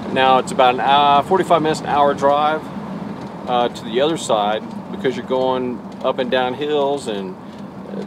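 A man's voice: mid-range voice, background noise. A man in his forties vlogging to a dashboard camera from inside his camper van, talking loosely and correcting himself as he goes. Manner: loose and rambling, self-correcting. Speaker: travel vlogger. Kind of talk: casual vlog to camera. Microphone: camera on the dashboard at arm's length.

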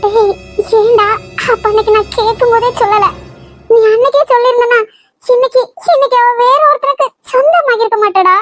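A performer voicing a caring, perceptive middle-aged mother in a cartoon, who gently scolds and probes her son. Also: very high-pitched, fairly quick, faint music behind. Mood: pleading. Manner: gently scolding, probing, affectionate. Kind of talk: cartoon voice acting.

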